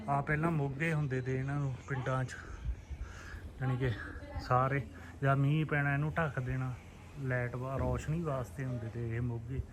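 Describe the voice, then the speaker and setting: A man with a Puadhi Punjabi accent gives relaxed, reminiscing narration as he walks and films outdoors in a village on a handheld phone. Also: medium pitch, background noise. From Punjab, India. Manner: reminiscing, relaxed, loosely strung phrases. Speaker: vlogger. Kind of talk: casual walking vlog narration. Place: outdoors in a village, on rooftops and lanes.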